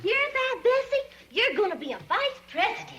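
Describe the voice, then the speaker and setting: A woman's voice: very high voice, big pitch swings, moderate pace, fairly bright tone, slight background noise, heavily acted. An actress playing a plainspoken young country woman in an old sitcom. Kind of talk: 1960s sitcom acting.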